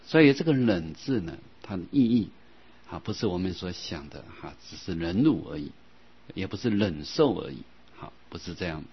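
A man teaching a Buddhist dharma lecture in a gentle, unhurried way, with soft filler sounds and slow, drawn-out recitation of scripture. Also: low voice, expressive, husky. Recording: dull lo-fi sound.

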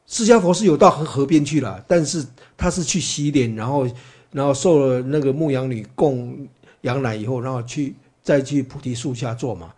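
With a mid-range, darkish, slightly rough voice, this man gives a conversational dharma talk in the style of a storytelling lecture. As a Buddhist teacher, he leans heavily on fillers and keeps putting rhetorical questions to the audience.

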